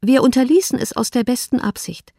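A woman voicing a kind, gentle young woman who speaks in a soft, measured, conciliatory way in an audiobook reading. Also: a little high, gravelly, no echo, clean studio sound, pitched above the performer's own voice.

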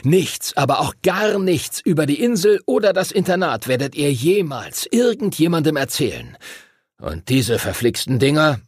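A man's voice: fairly high pitch, big pitch swings, moderate pace, breathy edge, no echo, clean studio sound, pitched above the performer's own voice. A man voicing a brusque, gray-haired male pilot and teacher who barks out orders. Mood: gruff. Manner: brusque, commanding.

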